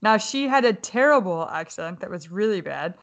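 A woman's voice: mid-range voice, expressive, moderate pace. A woman co-hosting a podcast, sharing trivia in offhand casual chat. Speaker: podcast co-host.

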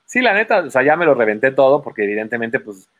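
A guest magician with a Mexican Spanish accent and a mid-range voice tells stories quickly in casual chat, laughing and animatedly acting out the voices of the people involved. The highs are cut off, and a crowd can be heard behind him.

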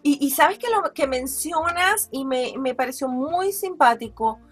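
High-voiced woman podcast host. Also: lively intonation, unhurried, soft background music. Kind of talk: casual conversational chat.

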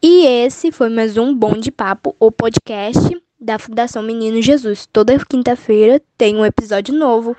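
A woman's voice: fairly high pitch, moderate pace, few pauses, dark tone, dry recording. Friendly woman podcast host. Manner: friendly, greets listeners casually. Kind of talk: upbeat podcast intro and outro.

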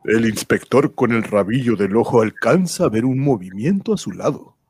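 A man's voice: medium pitch, animated, moderate pace, darkish tone, slight background noise. A man delivering dramatic scripted narration for a radio serial.

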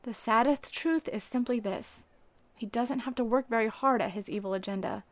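Woman reading her devotional out loud, earnest, gets preachy and punchy, kinda high voice, dry sound. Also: normal speed, dry recording. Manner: earnest, rising to emphatic preaching on key phrases.

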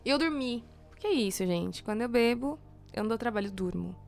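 Casting: young São Paulo woman, slightly high voice, animated anecdotes, soft music underneath. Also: quick pace, gravelly. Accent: Brazilian Portuguese, São Paulo. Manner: animated storyteller, playacts the voices of others. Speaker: podcast co-host. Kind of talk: casual chat.

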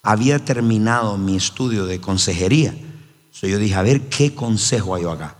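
Predicador enfático en una iglesia con eco. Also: male voice, normal speed. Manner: emphatic, storytelling, voice swings high and low. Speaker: pastor. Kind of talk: sermon. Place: church hall. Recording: roomy hall reverb with faint ambience.

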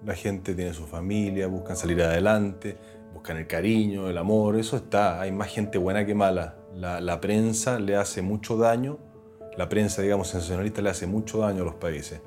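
Earnest low-voiced Chilean man. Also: normal speed, faint music behind. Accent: Chilean Spanish. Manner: earnest, animated, voices other people when retelling. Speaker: interview guest, actor and TV presenter. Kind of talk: reflective conversational storytelling.

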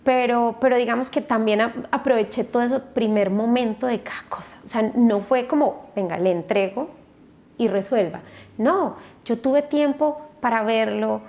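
Gravelly-voiced woman telling her story. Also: on the high side, steady tone, a little mellow. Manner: halting, many restarts and fillers. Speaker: podcast guest, mother. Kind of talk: emotional personal storytelling.

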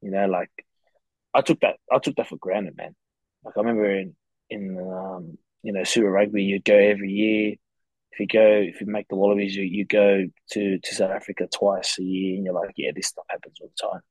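A man's voice: on the low side, fairly quick, vocal fry, darkish tone, no echo, poor audio. A man chatting casually as a rugby player guest, laid-back and matey with slangy talk. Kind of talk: casual interview chat.

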